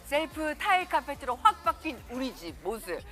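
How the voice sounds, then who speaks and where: A woman's voice: high voice, very animated, normal speed, bright, forceful tone, faint music behind. A woman hosting a live home shopping broadcast in an urgent, emphatic hard-sell manner, repeating the key points of the offer.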